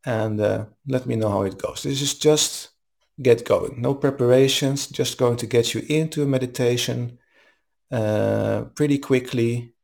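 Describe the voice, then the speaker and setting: A man leading a guided meditation as a teacher, speaking in a calm, soothing manner with long pauses. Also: mid-range voice, vocal fry. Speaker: meditation teacher leading a live online session.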